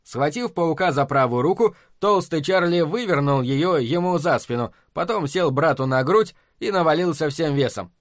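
A man narrating an audiobook in an even storytelling manner. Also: a little high, normal speed, few pauses, dry recording, studio quality. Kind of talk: scripted narration.

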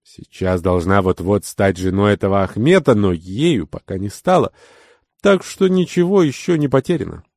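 A man reading an adventure novel aloud, narrating and voicing the dialogue himself, rising sharply in pitch and volume for angry lines. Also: expressive, normal speed, darkish tone, dry recording, clean studio sound. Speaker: audiobook reader. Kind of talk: scripted narration with character dialogue.

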